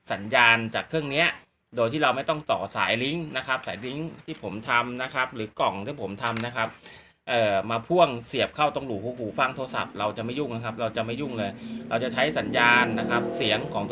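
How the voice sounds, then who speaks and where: A man's voice: mid-range voice, brisk, pushed and bright, slight background noise. A man hosting a casual gadget demonstration, explaining politely with repetitive phrasing. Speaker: YouTube channel host.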